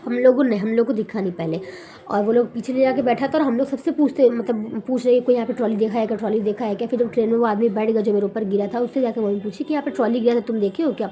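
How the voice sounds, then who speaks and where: A young woman vlogger telling a long story in a casual, animated way, correcting herself as she goes. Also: fairly high pitch, fast. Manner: animated, rambling retelling with self-corrections.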